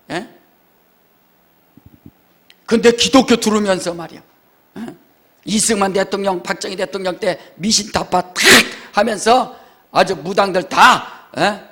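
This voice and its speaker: A man's voice: high-pitched, a bit bright. An older man, a pastor, preaching a sermon in a church. He acts out mourning wails and keeps checking in with the congregation through rhetorical questions. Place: church sanctuary.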